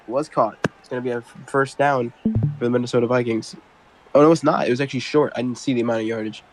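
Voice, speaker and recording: A man calling an amateur football game in a casual, rambling way. He corrects himself and trails off mid-sentence now and then. His pitch sits in a middling range. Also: flat delivery, fast talker, soft background music, poor audio. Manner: rambling, self-correcting, apologetic while multitasking. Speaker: play-by-play commentator.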